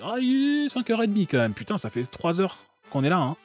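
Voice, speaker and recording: A man's voice: sits high, big pitch swings, a little fast, a little mellow, soft background music. A man from France hosting a live stream, talking casually and sarcastically with many fillers and restarts.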